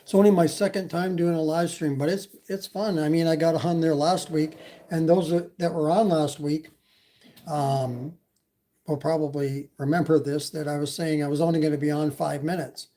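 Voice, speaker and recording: At a moderate pace and with fairly even intonation, a Canadian man speaks in a fairly high-pitched, dark-toned voice with a slight accent. Hosting his e-bike channel's casual live stream, he chats with viewers, reads their messages and rambles with many fillers.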